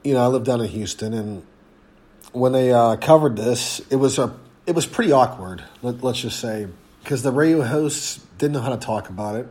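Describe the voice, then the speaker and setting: A man hosting a casual sports podcast, congested and hoarse, rambling and halting with fillers. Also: mid-range voice, a little mellow. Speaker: podcast host.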